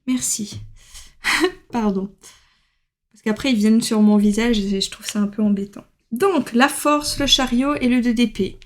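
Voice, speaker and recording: A woman's voice: a little high, darkish tone. A woman giving a casual tarot reading to camera, chatty, with many fillers and laughs. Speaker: tarot card reader.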